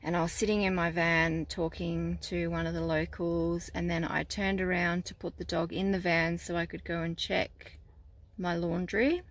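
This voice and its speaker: A woman's voice: lowish voice, steady tone, normal speed. A woman in her forties chatting to a phone at arm's length inside a small camper van, telling rambling stories with lots of fillers, tired and nursing a headache. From Australia. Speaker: van life vlogger. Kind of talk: casual vlog chat to camera. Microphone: phone held at arm's length.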